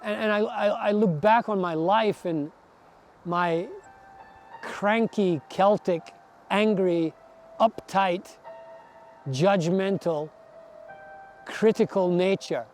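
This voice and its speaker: A Scottish man in his sixties, reflecting in a documentary interview, thoughtful and earnest, pausing and repeating words as he searches for them. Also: high-pitched, darkish tone, soft background music. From Scotland. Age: 60s. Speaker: barefoot walker interviewed.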